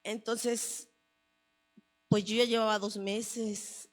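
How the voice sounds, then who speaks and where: A woman's voice: fairly high pitch, flat delivery, takes it slowly. A woman, mother of a son, giving a personal testimony at a church service in an earnest storytelling manner, often repeating her phrases. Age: adult, mother of a son.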